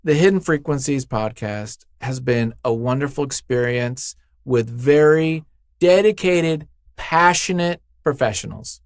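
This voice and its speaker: A man interviewed in a studio as a podcast writer talks at a measured pace in a medium-pitched voice, captured in a dry recording. The conversation is unscripted and casual, and he comes across as effusive, jokey and rambling.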